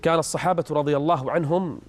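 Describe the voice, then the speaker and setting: A man's voice: fairly high pitch, fairly even intonation, fast talker, loud music behind the voice. A man hosting a religious programme, telling stories and teaching in a scripted lecture style, in formal standard Arabic.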